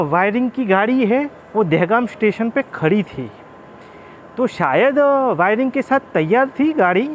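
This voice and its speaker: A man's voice: high voice, muffled recording. A man, narrating a casual railway travel vlog from a moving train and addressing viewers as friends. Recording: faint vehicle noise.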